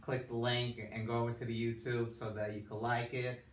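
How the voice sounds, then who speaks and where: A man's voice: medium pitch, level tone, fairly quick. A man hosting a casual online video interview, speaking in an encouraging, repetitive way. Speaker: interviewer, host of a faith and fitness video channel. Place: indoors at a clinic. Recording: echoey noisy room, distant mic.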